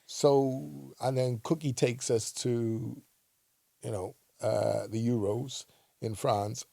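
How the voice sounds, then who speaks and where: A man's voice: mid-range voice, steady tone, slow, gravelly, warm tone, no echo. A man who used to play football, co-hosting a casual football chat and often checking in with "right?". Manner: emphatic, asks "right?" often. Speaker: co-host, former footballer.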